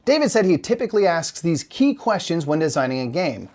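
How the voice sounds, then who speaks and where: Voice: medium pitch, very animated, fairly quick, a little mellow. A co-host delivering scripted comedic board game news in the manner of a parody news anchor.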